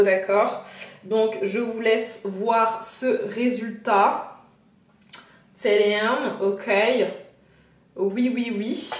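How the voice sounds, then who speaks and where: Young woman, slightly sick, chatty with many pauses, echoey room. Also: a little high. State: a little sick. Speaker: hair care vlogger. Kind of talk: casual tutorial chat. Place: home, washing machine spinning nearby.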